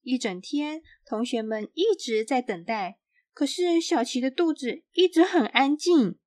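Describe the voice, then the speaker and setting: Slow-reading woman storyteller. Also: sits high, no echo. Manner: slow, clear, expressive reading. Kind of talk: children's storybook read-aloud.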